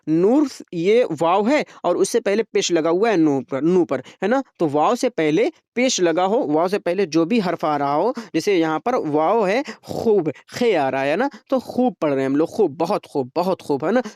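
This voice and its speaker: A man teaching a grammar lesson for exam preparation, patiently explaining rules, repeating example words slowly and stretching them out, and often checking that the listener is following. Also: high-pitched, a little mellow, no room sound, clean studio sound.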